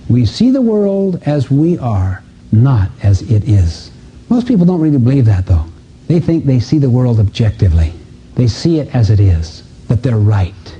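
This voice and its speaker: A man with a mid-range, dark voice and a breathy edge delivers a motivational seminar lecture. He tells anecdotes in an earnest, emphatic storytelling style. The recording is dull, muffled and lo-fi.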